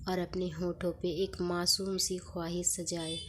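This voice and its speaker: A woman reading an emotional story aloud in a slow, soft and sorrowful way. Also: fairly low pitch, little pitch movement, slight background noise.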